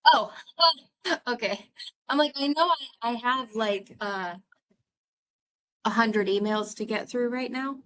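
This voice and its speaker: Female instructor, chatty and expressive, speaking over a video call. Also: a little high, takes it slowly, pauses often, rough recording. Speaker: nursing clinical instructor. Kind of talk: casual chat before an online class.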